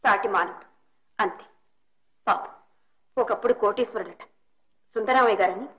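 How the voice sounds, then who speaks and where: An actress playing a compassionate young woman who gently and urgently pleads for a sick old man, in a film melodrama. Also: mid-range voice, moderate pace, close to an everyday voice. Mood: pleading. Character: kind young woman, compassionate and self-giving. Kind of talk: 1960s Telugu film melodrama. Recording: dull old film soundtrack, faint hiss.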